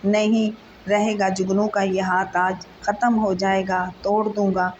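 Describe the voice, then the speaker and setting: A woman's voice: medium pitch, level tone, highs cut off, slight background noise, close to an everyday voice. A woman reading the lines of an anguished young husband, pleading and blaming himself after a temper outburst. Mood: remorseful. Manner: pleading, self-reproaching.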